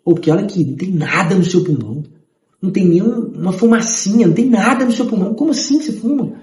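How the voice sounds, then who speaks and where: A man's voice: sits high, animated, fast, a little mellow, echoey room. A man voicing a puzzled hospital nurse who confides in a patient. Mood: incredulous. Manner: confiding, incredulous.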